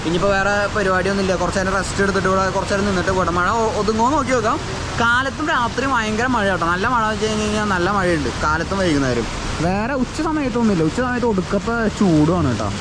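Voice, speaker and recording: A young man from Kerala with a Thrissur Malayalam accent, chatting casually as a delivery rider vlogger and mixing English words into his Malayalam. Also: high-pitched. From Kerala, India. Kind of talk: casual vlog chat to viewers. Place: outdoors on the road at night. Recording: noisy outdoor street and vehicle sound.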